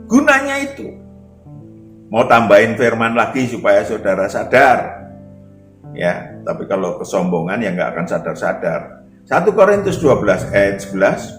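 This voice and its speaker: Male preacher, emphatic and animated; roomy church sound with faint music. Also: fairly low pitch, moderate pace. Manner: emphatic, repeats scripture lines after the reader. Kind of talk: sermon.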